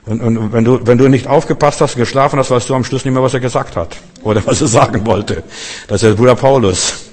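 A man's voice: medium pitch, brisk, darkish tone. A man preaching a sermon in a chatty, rambling way, often repeating words as he restarts. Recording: long hall reverb.

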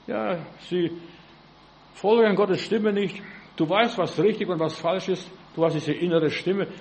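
A man's voice: high voice, unhurried, a little mellow, a little hiss or hum, low-quality recording. A male preacher giving a sermon, peppering his talk with "ja" and asking his listeners direct questions. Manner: acts out biblical voices in quotes.

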